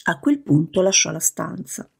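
A woman reading a novel aloud in a steady storytelling manner. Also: lowish voice, moderate pace, gravelly, slightly rough. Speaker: audiobook narrator. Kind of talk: scripted narration.

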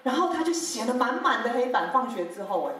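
Her voice a little high and her pace fairly quick, a Taiwanese Mandarin-accented teacher shares classroom methods with other teachers at a workshop. She tells lively stories, voicing her pupils' lines with laughter, recorded far away in a very echoey hall.

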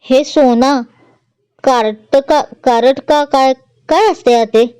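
A woman storyteller voicing an excitable old village grandmother who talks in a rustic dialect. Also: sits high, slow pace, smooth, no echo, voice pushed up. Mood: fussing.

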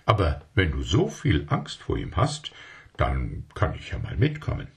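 Ein Mann spricht eine ruhige, nüchterne Hausangestellte in einer Kindergeschichte. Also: male voice, rumbling low, huge pitch swings, measured pace, vocal fry, distant mic, heavily acted. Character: calm adult housemaid, woman, unbothered.

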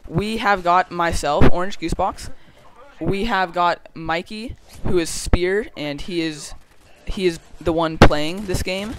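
A teenage boy hosting a casual gameplay commentary at home, excitable and giggly, rambling with fillers. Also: high-pitched, measured pace, heavy background noise. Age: teens. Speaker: channel host.

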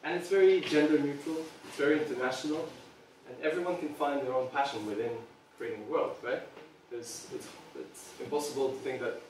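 This is a public presentation by a product designer, a Serbian man in his thirties, speaking earnestly to a small audience and often hesitating with ums. His darkish mid-range voice moves fairly quickly with hardly any pauses; a distant camera in a meeting room records heavy reverb and slight background noise.

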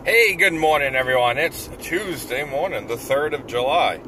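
A man's voice: mid-range voice, animated, moderate pace, pushed and bright. A middle-aged man, chatty and upbeat, narrating a casual vlog to a handheld camera. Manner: chatty and upbeat, talks to viewers as he goes. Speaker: vlogger and truck driver. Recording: noisy handheld recording.

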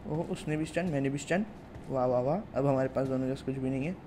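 A young man with an Indian accent streams a mobile shooter, chatting casually with viewers and calling them "guys" and "brother." His medium-pitched voice is dark in tone and he talks fast. There's a little hiss or hum in the recording.

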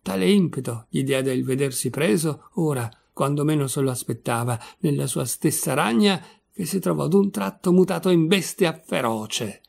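A man reading a literary short story aloud as scripted narration, measured and expressive. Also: a little high, gravelly, husky. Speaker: audiobook reader.

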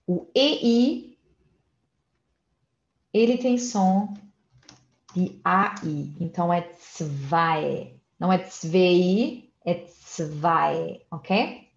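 A woman's voice: fairly low pitch, drawn-out words, pauses often, echoey room, lo-fi sound. A woman teaching German in a casual online lesson, spelling out letters and explaining pronunciation step by step.

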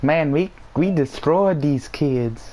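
Low-voiced woman chatting over a game. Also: takes it slowly, dark tone. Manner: playful, laughs often, calls out loot. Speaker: gamer playing with friends. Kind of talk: casual gaming chat. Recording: noisy home recording.

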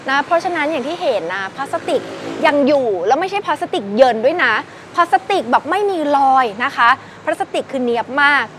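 A woman's voice: high-pitched, a bit bright, slight background noise. A young woman giving a chatty, gushing walkaround review of a car and talking straight to the viewers. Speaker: used car sales presenter.

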